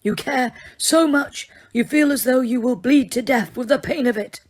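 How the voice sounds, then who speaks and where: Woman narrator doing an elderly wizard headmaster: calm, quiet, higher voice, serene storybook delivery. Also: normal speed, lightly acted. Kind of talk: audiobook character reading.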